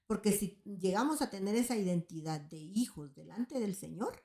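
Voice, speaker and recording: An earnest woman preaches in an echoey room, giving sermon-like teaching in a mellow, medium-pitched voice with lively intonation at a moderate pace. She keeps asking her listeners "right?"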